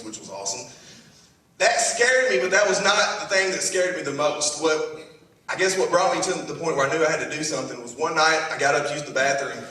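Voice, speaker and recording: A man's voice: mid-range voice, sharp tone. A man from the United States doing folksy, self-deprecating stand-up comedy in a conversational way. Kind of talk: stand-up comedy before an audience. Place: live comedy show stage. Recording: echoey live stage, distant, noisy.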